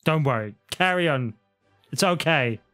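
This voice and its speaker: A man's voice: a little high, expressive, a little slow, pushed and bright, soft background music. A man co-hosting a podcast, chatting casually in a wry, teasing way. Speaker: podcast co-host. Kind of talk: casual chat.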